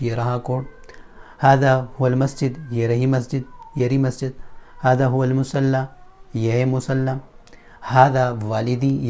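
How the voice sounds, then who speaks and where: A man with a Pakistani Urdu accent teaching a spoken Arabic lesson, slowly repeating example sentences and translating each one. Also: mid-range voice, darkish tone. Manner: slow, deliberate drilling of example sentences with translations.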